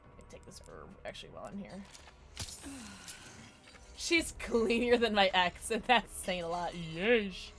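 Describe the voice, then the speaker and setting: A woman livestreaming a game with a cute, high anime-girl voice, chatting with viewers in a playful, excitable, reactive way. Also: measured pace, vocal fry, pauses often, noisy background. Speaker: livestream host playing a horror game. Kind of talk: casual livestream chat and game commentary.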